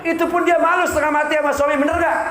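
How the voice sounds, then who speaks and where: Joking preacher in echoey hall. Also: male voice, extremely high pitch, level tone, rapid-fire. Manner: joking, acts out quoted voices. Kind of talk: humorous sermon. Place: community religious gathering. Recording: echoey room with crowd laughter.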